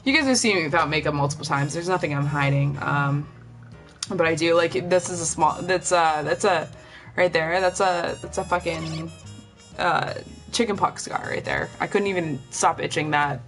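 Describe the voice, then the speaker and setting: With faint music in the background, a young woman with a voice lower than most women's chats casually on a live stream at normal speed, her tone fairly bright. She is blunt and profane, rambling along with plenty of filler words.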